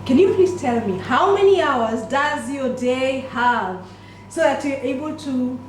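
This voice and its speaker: Woman, high voice, effusive chatty show host, distant mic, faint noise. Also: a little slow, roomy sound. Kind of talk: chatty interview.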